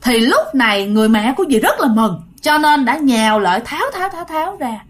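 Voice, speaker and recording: A woman's voice: sits high, big pitch swings, brisk. A woman, chattily narrating a ghost story and addressing listeners directly.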